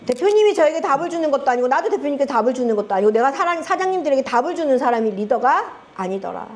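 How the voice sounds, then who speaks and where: A middle-aged woman with a Gyeongsang Korean accent gives a lively talk to a seminar audience as a network marketing group leader, teasing them and asking them questions. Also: high-pitched, racing. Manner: animated, teasing, asks the audience often and laughs. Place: seminar room with a live audience.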